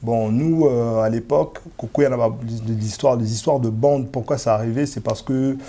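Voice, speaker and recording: A man's voice: mid-range voice, fairly even intonation, moderate pace, dark tone. A man, talking hesitantly as an interview guest and mixing in Lingala. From DR Congo, raised in Kinshasa. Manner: hesitant, many fillers and restarts.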